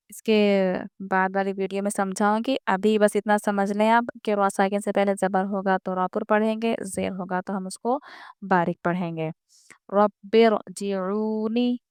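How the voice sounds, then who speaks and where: A woman teaches beginners step by step, patient and repetitive. Her voice is very clear and crisp, recorded close and dry. She speaks in a flat, even tone. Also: medium pitch, no room sound. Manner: patient, repeats each rule, draws out example words slowly. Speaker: Quran reading teacher.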